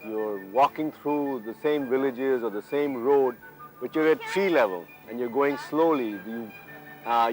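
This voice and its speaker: A man's voice: mid-range voice, low-quality recording. A middle-aged man recounting a trip in casual, anecdotal storytelling.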